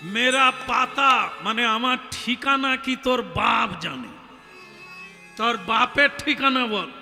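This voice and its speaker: High and bright, this is a stern old holy man who barks gruff orders and scorns whoever questions him, as a storyteller puts him on. the words drag slowly through a long reverberant hall, with devotional music underneath. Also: heavily acted. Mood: scornful. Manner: gruff, commanding, mocking. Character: stern proud wandering old male sage.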